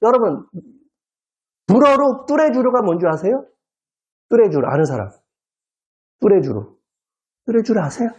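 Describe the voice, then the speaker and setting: A male pastor preaching a sermon at a church service. He talks playfully, cracks jokes and keeps prodding the congregation with quick questions. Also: high-pitched, big pitch swings, lo-fi sound. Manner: quizzes the congregation with constant "eh?" prompts; jokey, playful wordplay.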